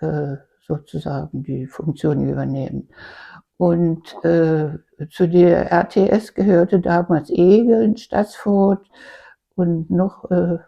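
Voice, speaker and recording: An elderly East German woman in her eighties casually recounting her life, halting and searching for words as a grandmother does. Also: lowish voice, vocal fry, slightly rough. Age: 80s. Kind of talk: casual personal reminiscence. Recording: dull lo-fi home recording.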